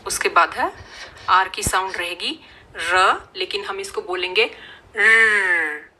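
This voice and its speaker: Slow, bright-voiced woman teaching phonics. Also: medium pitch, a little hiss or hum. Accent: Indian. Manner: slow, patient, demonstrating each sound. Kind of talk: phonics lesson.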